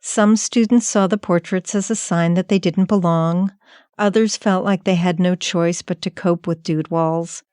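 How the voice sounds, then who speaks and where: A woman narrates a documentary podcast in a measured, reflective tone, her voice low-set and mellow. She sounds close and dry, like a studio voice-over over soft music. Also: fairly even intonation, smooth, no echo. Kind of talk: scripted narration.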